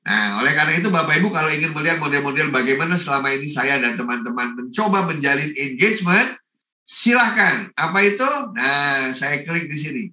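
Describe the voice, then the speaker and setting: An animated man from Indonesia speaks at an online education forum, his voice bright and cutting, a little raised. He sounds off-mic in an echoey room over a video call, and he slips English phrases into his talk. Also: fairly high pitch, a little fast, recorded from a distance. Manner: animated, mixes English phrases, greets people by name. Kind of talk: lively online seminar talk.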